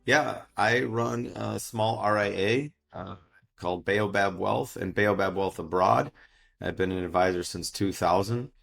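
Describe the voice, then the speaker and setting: A middle-aged American man, a financial advisor, giving steady, explanatory answers in a casual interview. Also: fairly low pitch, unhurried, creaky, soft background music. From United States.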